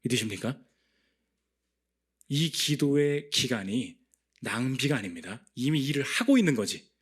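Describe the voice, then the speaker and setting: A male pastor delivers a church prayer-meeting sermon in a mid-range voice. He preaches in a lively way, leaping up in pitch and volume to play out inner voices, then dropping low and quiet to make a point. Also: a little slow, husky.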